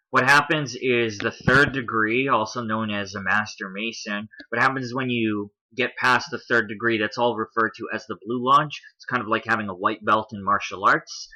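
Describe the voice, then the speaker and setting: A man's voice: mid-range voice, sharp tone, low-quality recording. A man giving casual explanatory commentary over images, walking through his points one at a time, spelling out letters and often adding "if you will". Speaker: video commentator.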